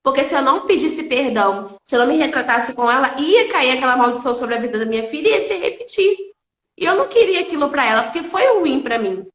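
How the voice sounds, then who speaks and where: A woman hosts a live stream and shares a personal faith testimony in a high, bright voice. She speaks earnestly and emotionally, circling back to repeat key phrases. Her voice carries a noticeable echo from the room. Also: expressive, fast.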